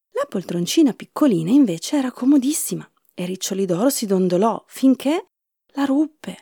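A woman narrates a children's storybook with a breathy, mellow voice and a lively, swinging melody, sometimes slipping into a whisper. The recording is close and completely dry. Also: mid-range voice, dry recording.

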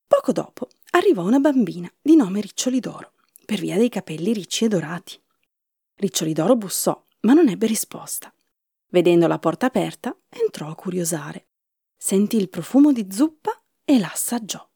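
Breathy, expressive woman reading a fairy tale. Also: medium pitch, normal speed, dry recording, studio quality. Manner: expressive, sometimes whispering. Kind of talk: storybook narration for children.

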